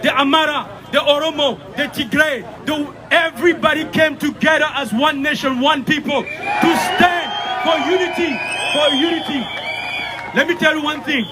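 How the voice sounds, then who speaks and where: A man's voice: very high voice, moderate pace. A man with a Congolese accent giving an impassioned, declamatory political speech at a street demonstration, repeating phrases and putting rhetorical questions to listeners. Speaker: rally speaker. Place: outdoors in a city, at a demonstration. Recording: outdoor street recording with crowd noise.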